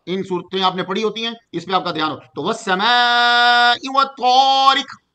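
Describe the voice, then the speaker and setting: A middle-aged Pakistani man teaches a Quran commentary lesson, explaining at an easy pace and slowing to chant the Arabic verses. His voice is high, pushed and bright.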